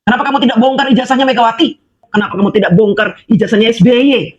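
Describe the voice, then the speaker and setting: A woman's voice: on the high side, rapid-fire. A woman rants straight at her opponents, scolding and mocking them and hammering on with repeated rhetorical questions. She speaks as an ordinary housewife with something to say. The recording is dull and lo-fi. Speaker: housewife voicing political opinion. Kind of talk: angry monologue addressed to critics.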